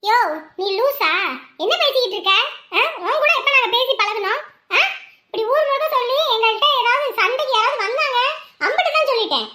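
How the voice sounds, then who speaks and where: A woman playing a blunt, sharp-tongued young woman who scolds her friends and strangers. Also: very high-pitched, fast. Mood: scolding. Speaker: outspoken friend. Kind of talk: web series acting.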